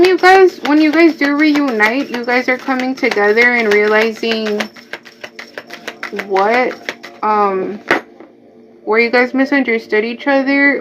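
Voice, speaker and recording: On dull lo-fi audio with faint music and a little hiss or hum, a woman reads tarot live in a chatty style, slipping into asides. Her voice runs on the high side and a bit bright. She's from Mexico, speaks Spanish natively, and has a Mexican Spanish accent.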